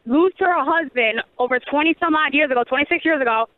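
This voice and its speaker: Indignant female caller, high voice, tinny AM-radio phone line. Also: fast talker, no echo. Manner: indignant, emphatic. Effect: narrow phone line over AM radio. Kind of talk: political talk radio call-in. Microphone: telephone.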